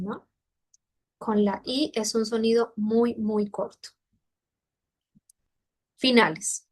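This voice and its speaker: Woman teaching sounds with slow demonstrations. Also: on the high side. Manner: demonstrates sounds slowly and repeatedly; explanatory, checks understanding with questions. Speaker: Mandarin teacher. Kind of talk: online pronunciation lesson.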